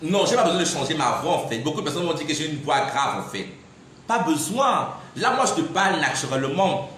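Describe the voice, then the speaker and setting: A man's voice: on the high side, animated, a little fast, fairly bright tone. A man speaks in a defiant live-stream monologue, pressing his points again and again. His voice rings around a very echoey room over a faint background hiss. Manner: defiant, repeatedly saying "I'm sorry" and "in fact". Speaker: livestreamer.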